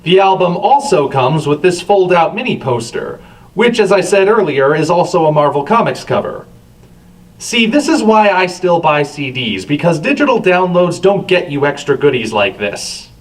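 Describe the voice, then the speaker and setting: This man's voice is a little high and sing-song, moving at a normal speed. He hosts a review show, delivering scripted commentary in a wry, sardonic way. He sounds distant from the microphone.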